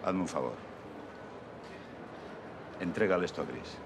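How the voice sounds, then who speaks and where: A very deep-voiced older man. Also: noisy background. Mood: calm. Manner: calm, measured, advising. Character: calm wise older bearded man. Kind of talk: film dialogue.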